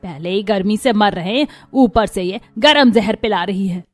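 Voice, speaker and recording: A woman's voice: medium pitch, normal speed, lightly acted. A woman voicing a cruel middle-aged mother-in-law in a cartoon, harsh and taunting, over faint music. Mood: scolding. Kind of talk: cartoon voice acting.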